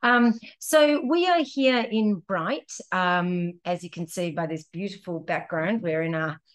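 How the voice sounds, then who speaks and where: A woman's voice: fairly low pitch, unhurried. An Australian woman hosting a podcast, chatting casually and upbeat, with easy laughs and plenty of fillers, in a cabin. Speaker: podcast host and running coach. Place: indoors in a cabin.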